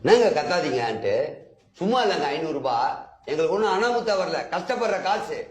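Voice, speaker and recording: A man's voice: fairly high pitch, very animated. A man arguing as an indignant bank customer in a comedic sketch, firing off questions. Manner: argumentative, indignant, rapid-fire questioning. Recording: echoey room with faint music.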